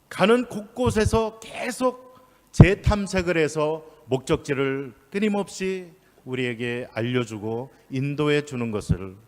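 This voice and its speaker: A man preaching a New Year sermon as pastor, leading the congregation in prayer and speaking with emphatic, rising phrases. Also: on the high side. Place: church sanctuary. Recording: long church-hall reverb.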